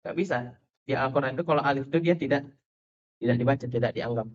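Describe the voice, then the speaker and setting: A man giving a teacher-training lesson on Quran recitation rules, quizzing his listeners and spelling out letter names slowly. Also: medium pitch. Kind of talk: teacher training lecture on tajwid. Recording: dull lo-fi lecture recording.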